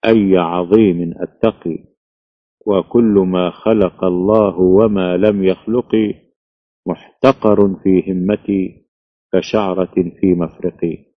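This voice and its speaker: A man reading the quoted words of a solemn, quiet male self-proclaimed prophet in a slow, measured way. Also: sits low, steady tone, no room sound. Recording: dull lo-fi, dry.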